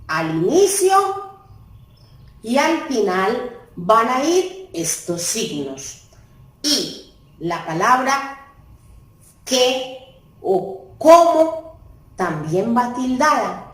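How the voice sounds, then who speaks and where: Slow, lively woman teacher in an echoey room. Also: on the high side. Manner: slow, deliberate, stressing key words. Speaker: primary school teacher. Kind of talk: recorded class lesson.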